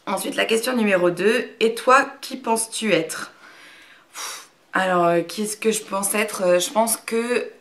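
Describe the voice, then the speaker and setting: A woman's voice: mid-range voice, a little slow, fairly bright tone. Hesitant woman in her thirties. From Brittany, France. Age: 30s. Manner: hesitant, many fillers and restarts; reserved, frank and earnest. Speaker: YouTuber. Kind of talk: casual talk to camera, answering a question tag.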